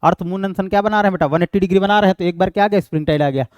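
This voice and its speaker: The recording is lo-fi with no echo, and the man's high voice comes across a little mellow, clear, and resonant. He is a teacher with an Indian accent giving an exam-prep lecture, explaining step by step, answering his own questions, and slowly reading English question text.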